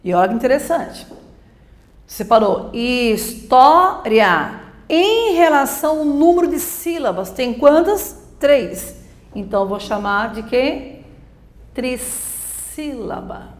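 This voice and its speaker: A woman teacher explains grammar step by step, putting questions and then answering them herself. Her voice sits fairly high. The room is echoey. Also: lively intonation, slow pace, darkish tone. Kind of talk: grammar lesson for exam prep.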